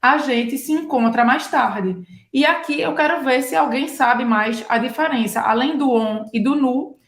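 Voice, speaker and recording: A Brazilian woman with a Brazilian Portuguese accent, pitched a little high, teaches French in a relaxed online lesson. She explains patiently, keeps checking in with her listeners and acts out short everyday dialogues. Her voice rings in a somewhat echoey room.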